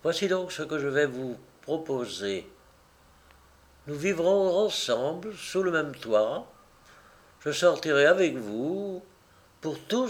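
A man reading as a cold, resolute young wife. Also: a little high. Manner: firm, measured, icy. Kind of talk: audiobook reading.

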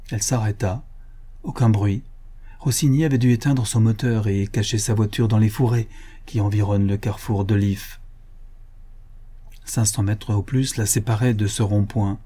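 A man narrating a novel in a measured, even audiobook reading. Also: lowish voice, slightly rough.

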